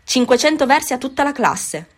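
A woman reading aloud and putting on the voice of a quick-tempered, sarcastic male schoolteacher who barks loud commands at his class. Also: mid-range voice, animated. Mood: scolding. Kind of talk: audiobook character voice.

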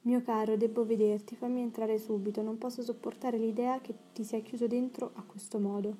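A woman's voice: a little high, level tone, a little fast, dark tone, slight background noise, natural voice. A woman reading as a worldly, urbane aristocrat. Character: worldly witty older male English aristocrat. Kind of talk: audiobook reading.

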